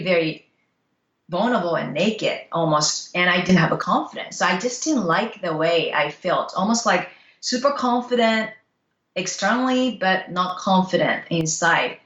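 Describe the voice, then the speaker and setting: Speaking simple English with a Japanese accent, a middle-aged woman from Japan is an earnest, reflective interview guest in casual talk. Her voice is lowish and a bit bright, and the audio is reverberant and lo-fi.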